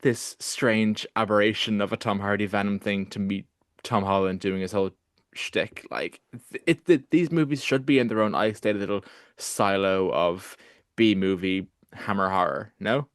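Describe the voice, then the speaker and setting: Male podcast co-host, low pitched, quick to argue, lots of restarts. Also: dry recording, clean studio sound. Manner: animated, argumentative, lots of restarts and "like". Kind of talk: casual film-review chat.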